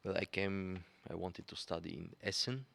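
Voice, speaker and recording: Deep, gravelly-voiced male pianist. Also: normal speed, a bit bright. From Bulgaria. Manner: searching for words, many fillers. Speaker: guest pianist. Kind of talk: conversational interview.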